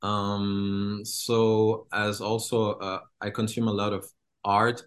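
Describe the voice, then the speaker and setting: A man's voice: lowish voice, little pitch movement, slow pace. Hesitant man from Congo. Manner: hesitant, many fillers and restarts. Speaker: filmmaker. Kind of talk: interview.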